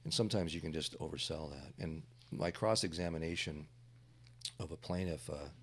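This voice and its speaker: A man with a very deep voice talks on a podcast panel as a defense trial lawyer. He speaks haltingly and leans on fillers as he recalls cases.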